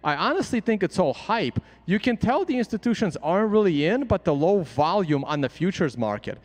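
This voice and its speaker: A man's voice: sits high, big pitch swings, fairly quick. Blunt-talking man in a reverberant hall. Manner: blunt, opinionated. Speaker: crypto trader and educator. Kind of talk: panel discussion. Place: conference stage.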